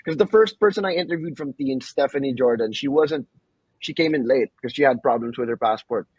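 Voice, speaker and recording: A laid-back male podcast host with a husky voice keeps tossing in "bro" and "man". His recording sounds dull and lo-fi, and completely dry. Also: medium pitch, brisk, dry recording. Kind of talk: casual interview chat.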